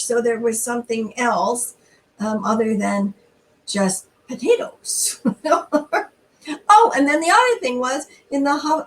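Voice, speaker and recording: This is a low-quality recording of a middle-aged church storytime host, her slightly high voice picked up far from the mic. She talks casually and reads aloud with expressive, conversational warmth addressed directly to those listening.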